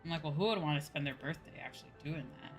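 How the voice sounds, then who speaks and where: A woman with a low voice plays an online game on a livestream, talking at a racing speed. Her chat is rambling and informal as she thinks out loud and comments on the game, with game music playing behind her.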